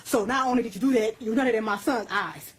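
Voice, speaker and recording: This recorded interview features a woman with a fairly high, slightly rough voice who talks fast over low-quality audio. She's blunt and intense, swears freely, and her voice rises when she grows heated telling her story.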